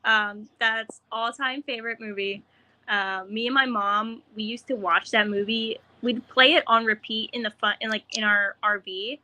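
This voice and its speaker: Young woman, giggly, rambling, fillers, bright voice, a bit high. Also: fairly even intonation, moderate pace. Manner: giggly, lots of 'like' and 'um', rambling. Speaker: guest, racer. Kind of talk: casual interview.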